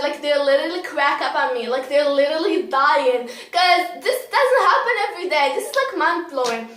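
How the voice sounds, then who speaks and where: Young woman chatting through a storytime, high voice, lots of likes, roomy echo. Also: fairly bright tone. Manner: chatty, peppered with "like" and swearing. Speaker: vlogger. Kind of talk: casual storytime.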